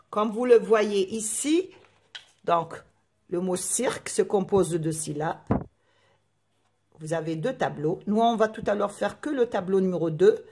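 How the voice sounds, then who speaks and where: A woman teaching a primary school phonics lesson, spelling out letters and sounds slowly and carefully. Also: mid-range voice, warm tone, reverberant. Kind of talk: recorded classroom lesson.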